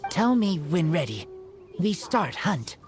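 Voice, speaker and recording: A woman's voice: lowish voice, sing-song, slow, a little mellow, soft background music. A woman voicing an earnest, loyal wolf-raised boy hunter in a video game, speaking in simple, clipped phrases. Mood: focused.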